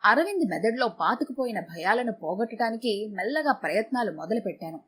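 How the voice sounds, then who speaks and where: A woman narrating a first-person audio story in a calm, measured way. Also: medium pitch, a little hiss or hum.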